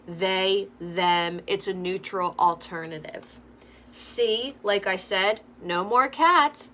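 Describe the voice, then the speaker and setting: A woman's voice: medium pitch, fairly bright tone. A young woman giving chatty, opinionated commentary while doing her makeup, filling her talk with "like". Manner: chatty, frequent "like" fillers. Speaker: makeup vlogger. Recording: faint background noise.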